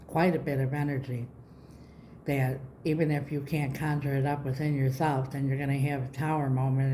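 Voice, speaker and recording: A woman's voice: a bass voice, dark tone, a little hiss or hum, rough recording. A woman with a lisp, speaking as a tarot reader giving a reading to her viewers. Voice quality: lisping after mouth surgery. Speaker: tarot reader, channel host.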